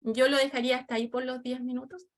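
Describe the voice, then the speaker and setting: A woman's voice: high-pitched, little pitch movement, quick pace. A woman speaking as a panelist in a formal, analytical talk.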